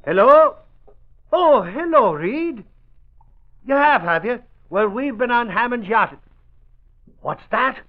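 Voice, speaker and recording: An actor playing an excitable, brash newspaperman in an old-time radio drama. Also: extremely high pitch, slow, pauses often, exaggerated voice. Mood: excited. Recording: slightly dull old radio sound.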